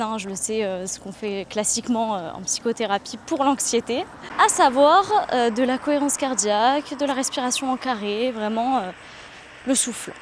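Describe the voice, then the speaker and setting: A French woman in her twenties, a travel vlogger, talks candidly and reflectively while walking outdoors, hesitating often. Her voice sits on the high side, and there's slight background noise in this casual confiding vlog.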